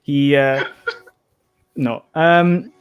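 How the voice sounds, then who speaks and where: A man narrating a tabletop game as game master in a casual, improvised, halting way. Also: on the high side, fairly even intonation, clear, resonant tone, highs cut off.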